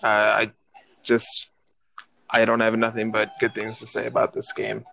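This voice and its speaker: A man chatting casually in a hesitant, halting way. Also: on the low side, monotone, gravelly, pushed and bright. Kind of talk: casual chat.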